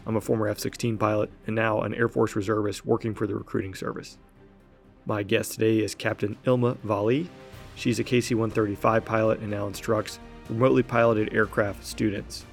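A man's voice: on the low side, little pitch movement, a little fast, vocal fry, soft background music. A man with a Southern American accent hosts a podcast and asks questions in a friendly, easygoing way. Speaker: podcast host, Air Force recruiter. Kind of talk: casual podcast interview.

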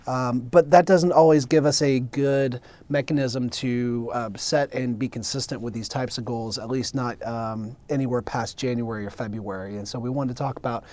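A man who manages a human factors program, explaining things in a measured, steady way during a casual panel chat. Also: mid-range voice, no echo.

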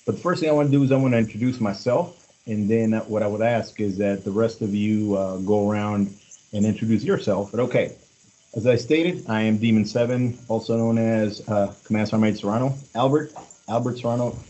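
A man in his forties, an army command sergeant major, leading a casual group talk, halting with many fillers and restarts. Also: on the low side, dark tone, muffled recording. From born in Mexico, raised in Los Angeles. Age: 40s.

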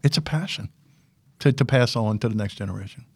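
In a close, dry recording with no room sound, an older guest who was once a military public affairs officer and instructor tells stories on a casual podcast. His voice is big, commanding, lowish, and husky, and he talks fairly quickly, animated, repeating words and restarting often.

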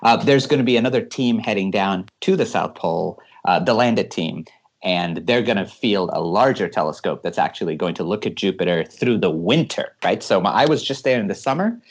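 A man from California answers interview questions as a guest engineer. His voice sits low, and he explains things eagerly, often laughing as he talks. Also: animated, brisk, slightly rough.

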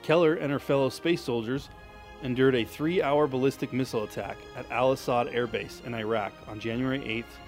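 Male military reporter, mid-pitched scripted feature narration, music bed clearly present. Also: steady tone, fairly quick. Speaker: military public affairs reporter.

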